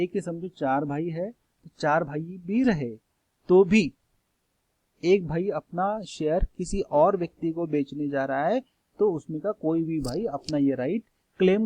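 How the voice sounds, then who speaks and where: Slow, husky-voiced male law teacher. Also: fairly high pitch, mellow, no room sound, poor audio. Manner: explains step by step, mixing English terms and repeating key words. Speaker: law lecturer. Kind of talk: classroom law lecture.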